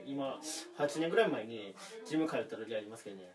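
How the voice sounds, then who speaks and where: Far from the mic, a thirtysomething comedian from Aomori, Japan, co-hosts a laid-back podcast, wandering through anecdotes with frequent laughter. He talks fast and animatedly in a mid-range voice, his faint Aomori lilt mixed with hints of Nagoya.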